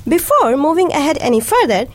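A young woman from India hosts a community radio show in a bright, friendly way. Her voice sits a little high and swings widely in pitch. She speaks English as a second language after Hindi and Urdu. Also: fairly quick. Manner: friendly, lively and welcoming. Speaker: radio host. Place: radio studio.

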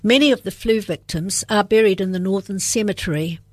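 A woman, presenting a heritage radio segment in a measured storytelling read. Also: mid-range voice, darkish tone, no echo. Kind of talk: scripted heritage narration.

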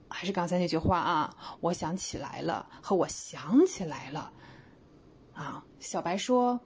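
A woman gives a Chinese grammar lesson on community radio, her voice slightly husky. Her pitch moves in a lively way as she explains. She reads each example sentence slowly, leaning on the key words, and keeps checking in with her listeners. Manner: slow, deliberate reading of example sentences with stressed words; patient, explanatory, with many tag questions.

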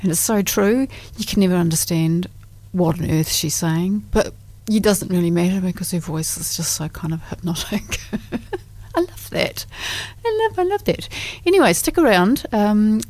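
A woman's voice: lowish voice, moderate pace, hardly any pauses, mellow. A woman with a New Zealand accent hosting a radio music show in a casual, chatty, informal way. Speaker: radio host. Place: radio studio.

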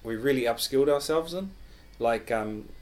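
Speaking at normal speed with a medium-pitched voice, this man is a guest in a laid-back interview conversation. A public health worker, he talks through his job in an easygoing, somewhat hesitant way.

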